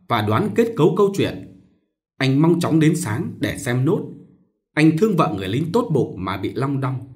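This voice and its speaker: A man narrating a short story as an audiobook reading, in an expressive storytelling manner. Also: mid-range voice.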